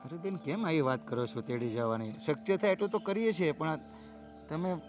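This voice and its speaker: A middle-aged actor playing a humble father who pleads earnestly and tries to calm others. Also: a little high, a little fast, soft background music, close to an everyday voice. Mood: pleading. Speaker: actor in a family drama.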